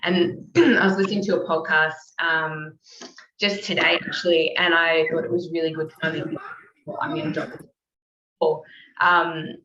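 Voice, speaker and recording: A woman hosting a casual motivational talk, rambling with many fillers and self-corrections, clearing her throat now and then. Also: deep voice, little pitch movement, normal speed, bright, forceful tone, dull audio, slight background noise. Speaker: host. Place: call or online meeting.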